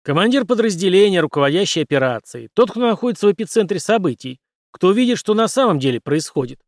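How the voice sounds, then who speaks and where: A man voicing a gruff, hardened soldier captain who talks in curt, grim lines. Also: high-pitched, big pitch swings, quick pace, no echo, clean studio sound, voice pushed up.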